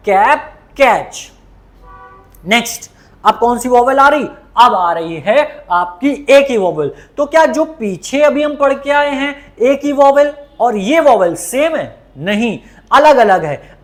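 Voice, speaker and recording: A male shorthand teacher, slowly drilling vowel sounds and spellings and quizzing his students as he goes. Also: very high-pitched. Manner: slow, repetitive drilling with frequent questions to students. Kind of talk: classroom lesson.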